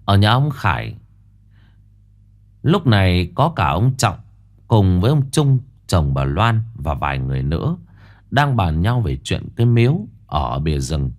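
Man narrating a ghost story, lively pitch. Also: a little slow. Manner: dramatic, expressive storytelling.

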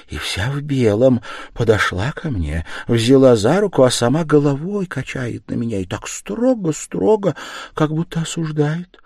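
A man's voice: medium pitch, a little mellow, dry recording, clean studio sound, pitched above the performer's own voice. A man reading aloud voices an anxious, fussing older mother who exclaims in fluster.

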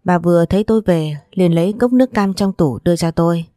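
A woman reading a first-person story aloud in a steady, measured voice. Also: fairly low pitch, dry recording, studio quality.

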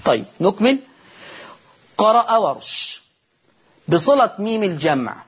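Speaking with an Egyptian Arabic accent, a man teaches the rules of Quran recitation, posing questions to the class and answering them himself. His high, slightly bright voice has a breathy edge and is very animated, and he pronounces each word slowly as a model.

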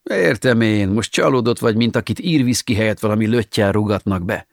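Audiobook bit: male reader doing a cocky young man, low-voiced and breezy, dry booth. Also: vocal fry, no room sound. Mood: boastful. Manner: boastful, breezy banter. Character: vain young man with fake muscles, chatty.

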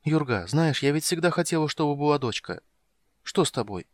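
A fussing, urgent wife of a merchant, voiced by a male narrator in an audiobook. Her lines run slightly higher than the narration, and the sound is dry and close. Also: animated, a little fast, no echo, close to an everyday voice. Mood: anxious urgent. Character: merchant's wife, anxious and tender.

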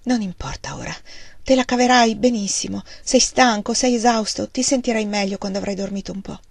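A woman's voice: medium pitch, a little fast, vocal fry, slightly rough, no room sound. A woman voicing a frightened young pioneer wife and mother in a read-aloud story. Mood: soothing. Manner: soothing, then screaming in panic. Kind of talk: audiobook reading.

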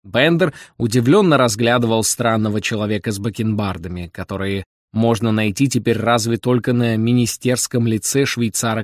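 A man reading a novel aloud as narrator, in an expressive storytelling manner. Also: lowish voice, no room sound, clean studio sound. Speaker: audiobook narrator. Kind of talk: scripted narration.

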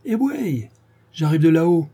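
A man's voice: mid-range voice, normal speed, warm tone, breathy edge, pitched above the performer's own voice, close to an everyday voice. A man voicing a sly, sneaky male peasant who talks in a casual, offhand way.

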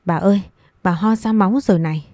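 A woman's voice: medium pitch, quick pace, dark tone, dry recording, studio quality, close to an everyday voice. A woman voicing a frightened young servant girl who pleads through tears in a storybook reading. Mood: pleading. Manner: pleading, tearful.

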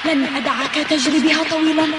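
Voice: high-pitched, steady tone, quick pace, close to an everyday voice. An actor playing a determined, combative young male football player in a cartoon, speaking with resolute intensity. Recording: distant voice under loud music.

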